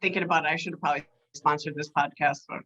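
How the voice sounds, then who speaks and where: A woman in her forties talks as a guest on a podcast, chatty and upbeat with a self-deprecating touch. Her voice is bright and a little low-pitched. The sound is dull and lo-fi. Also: steady tone, rapid-fire. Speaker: podcast guest, sales executive. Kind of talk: casual interview talk.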